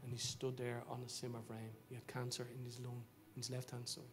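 During a church service, a middle-aged pastor from Dublin, Ireland tells a story in his sermon at a brisk pace. His Dublin accent swings between loud excitement and low, hushed confiding.

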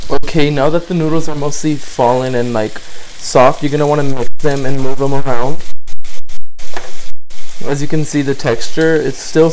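A man's voice: mid-range voice, low-quality recording. Chatty young man cooking at home. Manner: chatty, loose, says honestly and like a lot. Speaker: cooking vlogger. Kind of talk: casual cooking walkthrough. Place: home kitchen at the stove. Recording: steady background noise with pan sizzle.

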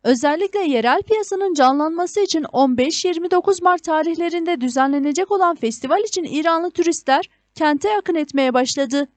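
A woman's voice: very high voice, brisk, few pauses, no room sound. A woman reading a scripted news report as a reporter's voice-over.

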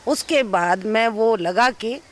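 An actress being interviewed, telling an emotional personal story and acting out what others said. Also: female voice, a little high, slow, slight background noise. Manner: recounts events by acting out others' speech.

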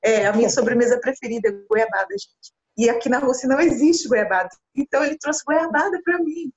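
The dull, lo-fi audio comes from a laptop camera mic during a video call interview. The guest, a Brazilian missionary woman in her thirties, sits by her husband in a small indoor room and speaks earnestly and briskly in a high voice, gesturing expressively.

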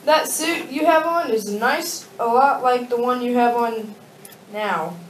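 A woman's voice: a little high, measured pace, lightly acted. A young woman voicing a Confederate leader in an amateur sock-puppet show, reciting the lines stiffly. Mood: curious. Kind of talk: amateur puppet-show role-play, scripted. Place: darkened room with projection screen, puppeteers low at front. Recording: echoey room, distant mic, faint noise.

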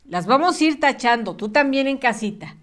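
A woman's voice: high voice, lively intonation, normal speed, fairly bright tone. A woman teaching a children's spelling lesson, patient and sing-song, using diminutives. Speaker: primary school teacher.

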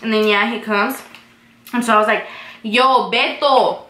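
A woman's voice: medium pitch, flat delivery, a little fast, bright, forceful tone. A young woman telling a story in a casual chat, slangy and swearing a lot, a little sick, recorded at home on a camera. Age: young adult. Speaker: co-host, sister. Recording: roomy room, faint noise.

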